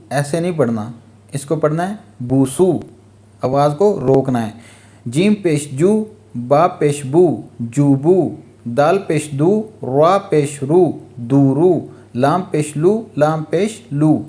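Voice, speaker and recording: A man teaching a Noorani Qaida lesson in Urdu, slowly repeating letter-and-vowel drills and briefly explaining in between. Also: on the high side, dark tone. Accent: Pakistani Urdu. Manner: slow repetitive spelling drills, letter by letter. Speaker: Quran reading teacher.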